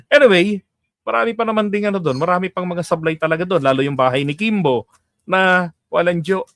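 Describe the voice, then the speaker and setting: A man's voice: high voice, fairly quick, fairly bright tone, dry recording. A middle-aged man from the Philippines giving casual political commentary as host, chatty, often laughing and asking his listeners to agree.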